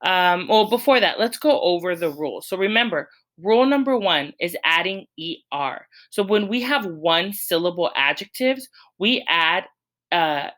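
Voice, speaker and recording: Bright-voiced woman teaching a lesson. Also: on the low side, low-quality recording. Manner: patient, step-by-step explaining with questions to students. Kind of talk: recorded classroom lesson.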